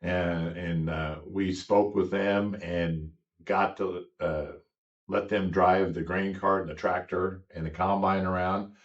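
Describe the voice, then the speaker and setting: A middle-aged American man, a farmer, talking casually in a reflective, halting way. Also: low-pitched, steady tone. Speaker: farmer guest. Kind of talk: casual conversation. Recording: distant mic, dull muffled sound.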